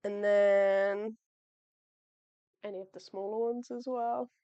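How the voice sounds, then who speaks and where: With a slow, smooth, dark mid-range voice and fairly even intonation, a young woman packs shop orders at home during a casual livestream. There's no room sound and the highs are cut off. She chats amiably, thinks aloud, apologizes often, and is losing her voice.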